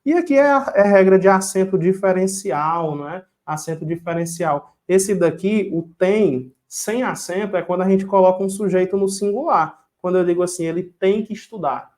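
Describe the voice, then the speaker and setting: A man's voice: sits high, normal speed, few pauses, darkish tone. A man teaching an online exam-prep grammar lesson, quizzing the viewers and drilling rules with repetition and a rhyme.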